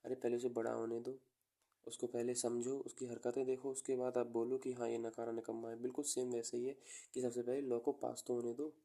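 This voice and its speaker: Man, coaching lecture, homely examples, very even tone, mellow timbre. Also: mid-range voice. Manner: explains with homely examples, dictates notes slowly word by word. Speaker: exam coaching teacher. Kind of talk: classroom lecture.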